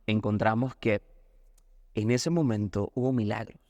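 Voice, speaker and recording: A man's voice: fairly low pitch, steady tone, measured pace, darkish tone, dry recording, lo-fi sound. A man with a Colombian accent, a pastor earnestly explaining a Bible lesson in a recorded discussion. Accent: Colombian Spanish. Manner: earnest teaching, acts out anecdotes.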